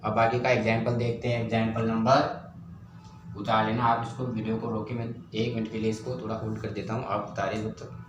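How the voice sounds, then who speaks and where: A man's voice: lowish voice, level tone, fairly quick, music in the background. Echoey man teaching math. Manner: repetitive, asks and answers his own questions. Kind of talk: classroom math lesson. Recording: very echoey room, faint ambient noise.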